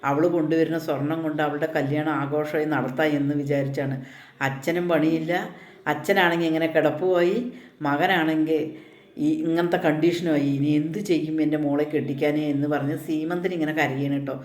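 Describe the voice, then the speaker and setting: A man's voice: fairly high pitch, steady tone, fairly quick. A man casually retelling an upcoming soap opera episode, quoting the characters' lines as he goes. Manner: retells scenes with quoted dialogue, frequent tag "കേട്ടോ". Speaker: serial episode recap narrator. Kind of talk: casual spoken plot preview. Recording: echoey room.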